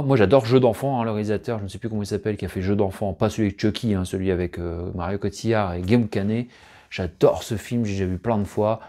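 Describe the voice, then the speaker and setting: A man's voice: lowish voice, mellow. A man chatting casually and rambling about his latest film finds, full of fillers and asides. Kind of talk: casual chat unboxing.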